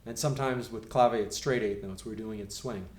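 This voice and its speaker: A middle-aged man teaching a piano rhythm lesson, counting beats aloud in a calm, patient way. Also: lowish voice, normal speed. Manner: calm, patient, counts steadily and talks the class through exercises. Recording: echoey room with faint noise.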